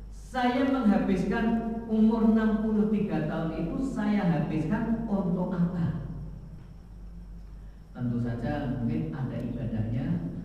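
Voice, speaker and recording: A man giving a slow, emphatic sermon in a large mosque hall, now and then singing a phrase, recorded by a far camera. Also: a little high, dark tone, a little hiss or hum. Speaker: religious teacher. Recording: echoey hall from far off, dull.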